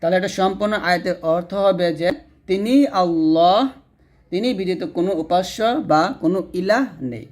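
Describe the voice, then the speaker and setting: High-voiced Bangladeshi man teaching recitation. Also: steady tone, fast talker, few pauses. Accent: Bangladeshi Bengali. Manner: breaks words into letters and vowels, has viewers repeat after him. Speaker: Quran teacher. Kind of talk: slow spelled-out recitation lesson.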